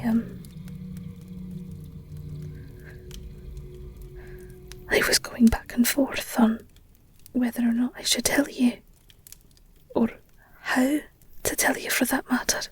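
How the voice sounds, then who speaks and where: Here the same werewolf-girlfriend roleplay continues: a woman voicing a devoted, protective partner in a halting, tender, earnest breathy whisper. Pitched a little high with fairly even intonation, she sounds hesitant yet reassuring.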